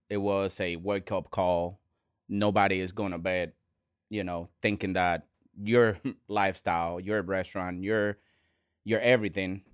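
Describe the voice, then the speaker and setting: A man, a restaurant owner talking as a guest in an earnest, halting way with many restarts. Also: low voice, clean tone, dry recording, studio quality. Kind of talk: casual interview talk.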